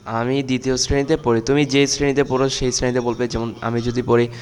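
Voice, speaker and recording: A man's voice: mid-range voice, flat delivery, darkish tone, clear, resonant tone, big-room sound. Male teacher drilling English pronunciation. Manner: slow, drawn-out model pronunciation of English words; repeats and corrects words, addressing children directly. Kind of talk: spoken English lesson for children.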